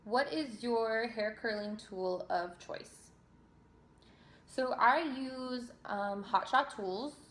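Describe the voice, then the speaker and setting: A young singer and vlogger from New Jersey answers viewer questions casually and chattily, with fillers and restarts. Her voice is fairly high and a bit bright, and she draws out her words. The recording has a roomy echo.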